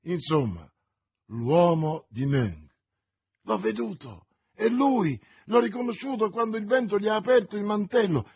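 A man reading aloud, voicing a young hot-headed swordsman who cries out in a high, urgent voice. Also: unhurried, darkish tone, breathy edge. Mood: agitated.

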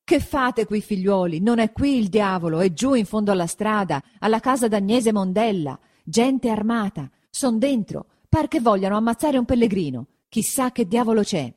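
A woman's voice: medium pitch, expressive, moderate pace, hardly any pauses, darkish tone, pitched above the performer's own voice, natural voice. A woman reading aloud, voicing a breathless village man who urgently raises the alarm.

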